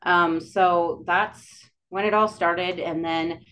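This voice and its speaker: A woman from the Dakotas with a Dakota accent, telling her own story casually and haltingly as a podcast guest. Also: fairly low pitch, steady tone, a bit bright. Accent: Dakota, Upper Midwest. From Dakotas, United States. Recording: clear background noise.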